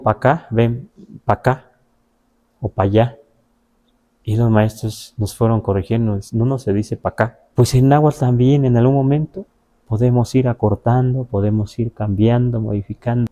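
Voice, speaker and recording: With a medium-pitched, mellow voice, this man teaches an explanatory question-and-answer lesson, patient and conversational, checking in with listeners. He is from the Huasteca region of Veracruz, Mexico, a native Nahuatl speaker with a Mexican Spanish accent.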